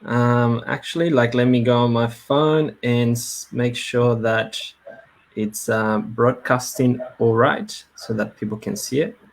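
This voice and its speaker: Unhurried, with a medium pitch and steady tone, a male webinar host speaks from Brisbane. His casual live-stream talk is hesitant, packed with fillers and restarted sentences.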